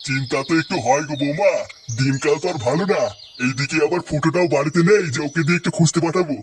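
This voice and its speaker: A gentle, doting old grandfather from a cartoon, played by a man, speaking in a raised voice. He talks quickly and coaxes softly. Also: a little high, far from the mic, background noise, natural voice. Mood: worried. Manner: soothing and coaxing.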